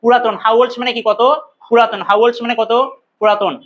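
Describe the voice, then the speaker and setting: High-pitched male language teacher. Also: little pitch movement, a bit bright, dull audio. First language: Bengali. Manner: asks the class questions and answers them himself; repeats words slowly to drill pronunciation. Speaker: English teacher. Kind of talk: recorded classroom lecture.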